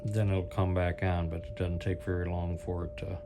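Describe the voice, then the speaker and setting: In a low voice at an ordinary pace, a man hosting a product review video demonstrates something casually, improvising, rambling, and reasoning aloud. The sound is clear, though a steady hum and background noise are present.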